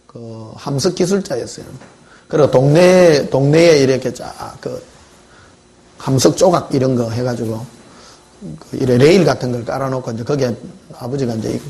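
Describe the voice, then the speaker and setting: A man's voice: mid-range voice, a little mellow. A male pastor preaching a sermon in church, telling stories in a conversational way and putting questions to the congregation.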